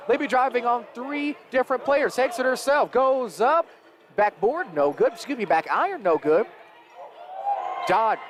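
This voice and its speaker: A man calling live high school basketball play-by-play, quick and energetic as the action rises. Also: background noise. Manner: rapid and energetic, rising with the action. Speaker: play-by-play announcer.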